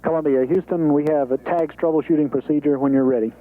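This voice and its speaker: Over a thin, band-limited space radio link comes a fast-talking American man at mission control, serving as capsule communicator. His fairly high voice stays fairly even as he delivers clear, businesslike step-by-step instructions, with phone-quality sound and no room sound.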